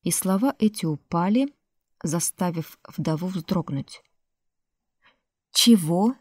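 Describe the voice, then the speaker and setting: A woman reads a story aloud in a slow, unhurried voice, somewhat low. The recording is dry and close to the mic. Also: mellow, no echo. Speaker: narrator. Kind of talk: audiobook narration.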